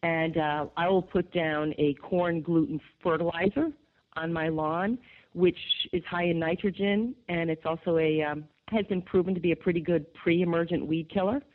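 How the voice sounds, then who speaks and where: A woman from upstate New York with a gravelly voice, chatting enthusiastically as a garden expert guest in a radio interview, with lots of fillers. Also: fairly low pitch, fairly even intonation, moderate pace. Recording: tinny phone line.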